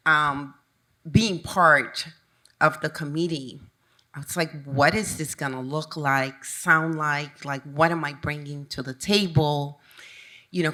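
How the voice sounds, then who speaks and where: A woman's voice: sits low, pushed and bright. A woman from Honduras, speaking as an advisor on a panel, reflective and searching for words as she talks. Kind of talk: panel discussion.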